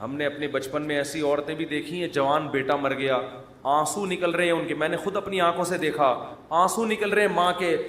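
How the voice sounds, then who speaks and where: A man's voice: on the high side, fairly even intonation, fairly bright tone, slight background noise. A man from Pakistan, giving a humorous sermon, mixing jokes with earnest advice and answering his own questions. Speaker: Islamic preacher. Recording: echoey hall with faint ambience.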